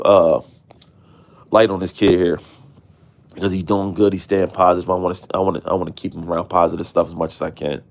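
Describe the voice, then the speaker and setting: A man with a fairly low voice talks in an unhurried, drawling way, full of fillers. He hosts a casual livestream and speaks. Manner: laid-back, drawling, many fillers. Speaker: host.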